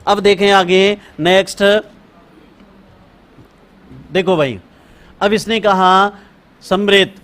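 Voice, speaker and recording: A male Sanskrit teacher lectures at a deliberate, drawn-out pace, repeating key terms over and over. His voice sits high for a man. He talks to his students as if they were right in front of him. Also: steady tone, fairly bright tone. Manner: repeats terms slowly, addresses students as brother. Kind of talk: classroom lecture.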